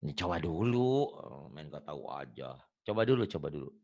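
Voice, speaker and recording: A man's voice: very deep voice, big pitch swings, a little fast, creaky, warm tone, lo-fi sound. A man teaching Quran reading in an online lesson, patient and joking, repeating words for a student to copy. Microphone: video call.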